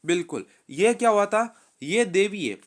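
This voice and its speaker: Brisk high-voiced quiz teacher. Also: male voice, expressive. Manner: brisk, quizzing, repeats answers, calls students bhai. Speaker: online exam-prep teacher. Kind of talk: live quiz class.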